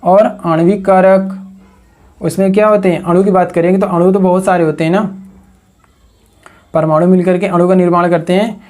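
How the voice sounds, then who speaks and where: Male coaching teacher, mellow tone, drills mnemonics through question and answer. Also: high-pitched, fairly even intonation, moderate pace, long pauses. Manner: repeats questions to the class and answers them; builds memory tricks from words. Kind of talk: exam coaching lecture.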